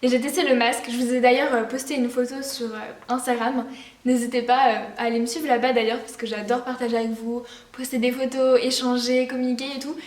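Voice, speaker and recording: A woman's voice: fairly high pitch, level tone, fairly quick, darkish tone, roomy sound, recorded from a distance. A teenage girl chatting in a casual gift-haul vlog, bubbly and rambling, with lots of fillers and restarts. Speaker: vlogger.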